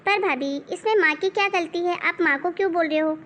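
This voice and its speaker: A woman voicing a sensible young college girl who calmly reasons with her sister-in-law. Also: very high-pitched, a little fast. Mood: coaxing. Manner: reasoning, coaxing.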